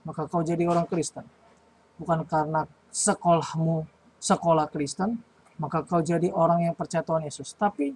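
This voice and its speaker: A man's voice: fairly high pitch, darkish tone, husky, poor audio. A man giving a sermon to primary schoolchildren at a retreat, asking questions and answering them himself, repeating lines for emphasis. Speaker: children's retreat speaker.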